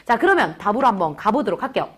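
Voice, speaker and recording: A woman's voice: medium pitch, sing-song, rapid-fire, a bit bright, breathy edge. A woman tutoring Korean literature, retelling a classical story in quoted dialogue and talking straight to her students. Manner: retells the story in quoted dialogue, switching voices for each character; addresses students directly as kids. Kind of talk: lecture on a classical novel.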